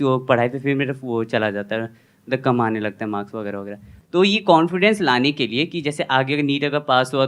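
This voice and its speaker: A man's voice: medium pitch, a bit bright, clean tone. A young man, a student in the audience, asking a hesitant, rambling question full of fillers.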